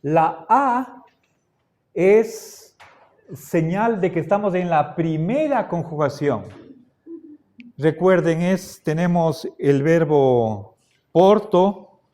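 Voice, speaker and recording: Guy teaching latin grammar, kinda high voice, slow and careful, keeps asking if the class follows. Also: animated, darkish tone. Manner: slow and deliberate, repeats forms, keeps checking with the class. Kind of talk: classroom lecture.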